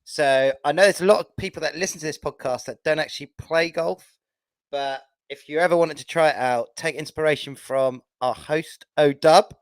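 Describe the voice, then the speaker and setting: A man's voice: on the high side, normal speed, smooth, no room sound. A man, co-hosting a casual podcast chat in an upbeat, cheerful way. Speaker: podcast co-host.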